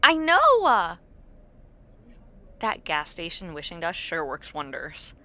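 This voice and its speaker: Her voice sits on the low side but swoops wildly in pitch, slow and sharp, in a full character voice. She plays an awkward, imaginative young dormmate at university, chatting hesitantly and self-deprecatingly in a playful, intimate audio roleplay.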